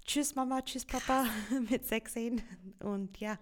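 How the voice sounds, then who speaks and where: A woman's voice: a little high, takes it slowly. Australian woman speaking German, laughs often. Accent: Australian English. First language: English. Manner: lively storyteller, laughs often, simple non-native phrasing. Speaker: musical theatre performer, guest. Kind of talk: casual interview chat.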